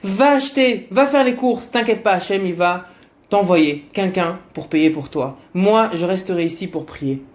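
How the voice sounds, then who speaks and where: A pious young wife, calm and full of faith, reassuring her worried husband in a lifted, gentle voice, as a male storyteller puts her on. Her tone stays soft and steady in a told story. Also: high voice, normal speed, lightly acted.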